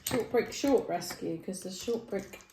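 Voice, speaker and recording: A woman's voice: medium pitch, measured pace. A woman co-hosting a building video, chatting casually and joking as she builds. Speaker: co-host. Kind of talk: casual chat while building. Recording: echoey room with background noise.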